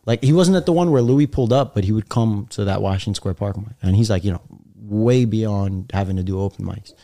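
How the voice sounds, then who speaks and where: A man's voice: fairly low pitch, a little fast, dark tone. A young man chatting casually as a podcast guest, with slangy, laid-back frat bro talk full of "dude" and "like". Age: young adult. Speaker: guest stand-up comedian on a podcast.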